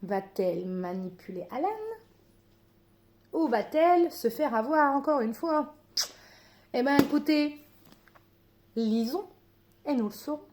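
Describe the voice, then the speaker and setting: A woman's voice: sits high, a little slow, pauses often, a little hiss or hum. Giggly French woman unboxing books. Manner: excited, giggly, reads blurbs aloud. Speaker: book vlogger. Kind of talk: casual unboxing chat.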